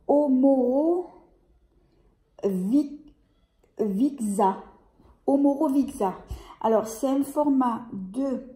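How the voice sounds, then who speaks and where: A woman's voice: on the high side, mellow. A woman vlogging a beauty unboxing in a casual, hesitant way, full of fillers and restarts. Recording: echoey room.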